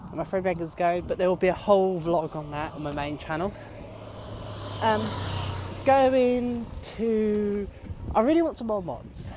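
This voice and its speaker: A man's voice: high voice, unhurried, noisy background. A young man chatting casually and rambling upbeat while walking outdoors, talking into a handheld camera. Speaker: vlogger. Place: outdoors walking by fields on a sunny day.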